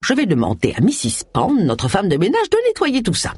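A stern, indignant village pastor, haughty and quick to exclaim, put on by a woman reading the story. His voice leaps about in pitch and carries a husky edge. It sounds close and dry. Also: wildly swooping pitch, a little mellow, no room sound, exaggerated voice.

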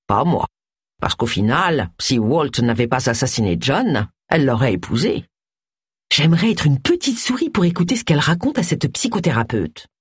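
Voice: mid-range voice, sing-song, normal speed, slightly rough, dry recording. Reader doing a wry, offhand man. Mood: dry. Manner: dry, offhand. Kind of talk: audiobook character voice.

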